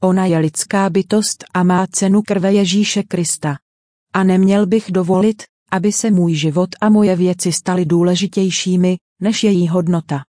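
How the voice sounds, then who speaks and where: A woman's voice: fairly low pitch, fairly even intonation, mellow, dry recording, studio quality. A woman giving a dubbed sermon voice-over in an earnest, direct preaching manner.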